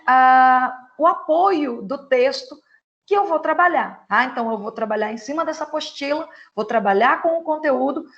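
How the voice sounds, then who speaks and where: A woman teacher, giving an online class lecture and explaining step by step, often ending phrases with a quick "tá?" or "né?". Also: a little high. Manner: explanatory, with frequent "tá?" and "né?" tags.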